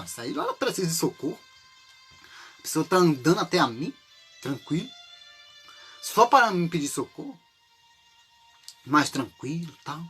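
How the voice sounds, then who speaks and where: Husky, a bit bright, and pitched high, this man from Brazil speaks with a Brazilian Portuguese accent. In an informal, chatty sermon he piles on rhetorical and tag questions and occasionally acts out desperate pleas for help.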